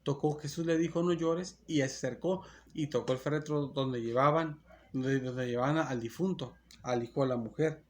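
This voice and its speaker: A man's voice: mid-range voice, normal speed, a little hiss or hum. A man preaching a sermon as pastor, earnest and repetitive, often restarting his phrases.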